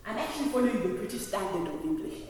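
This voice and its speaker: A woman giving a classroom lecture, explaining step by step and often pausing to check that students understand. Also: mid-range voice, animated, darkish tone. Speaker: lecturer teaching trainee early childhood teachers. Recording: very echoey hall, distant mic, faint noise.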